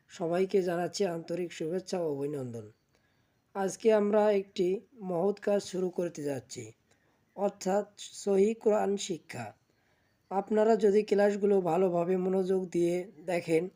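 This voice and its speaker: Mellow-voiced woman teaching letter sounds. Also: lowish voice. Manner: slow, repeats each letter sound several times. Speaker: Quran teacher. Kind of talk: step-by-step pronunciation lesson.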